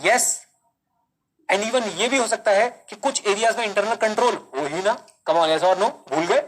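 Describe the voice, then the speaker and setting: Male online tutor, slow and deliberate, repeats points, quizzes students. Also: high-pitched, low-quality recording. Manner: mixes Hindi and English, calls students kids. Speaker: teacher. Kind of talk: live online exam-prep class.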